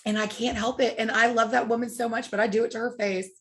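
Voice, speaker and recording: A woman's voice: on the high side, fast talker. A woman from Texas, a guest mixologist, telling stories in casual chat. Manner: animated storyteller.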